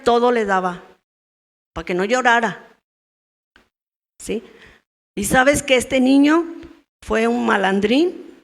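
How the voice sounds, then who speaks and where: A woman's voice: a little high, vocal fry. Middle-aged woman teaching in church. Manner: conversational, asks the audience questions. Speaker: women's ministry teacher. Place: church meeting room. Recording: long reverb of a church hall.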